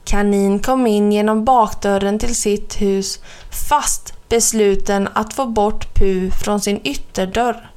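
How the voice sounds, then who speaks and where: A woman narrating a children's storybook in a clear, even storytelling manner. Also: mid-range voice. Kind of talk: storybook reading.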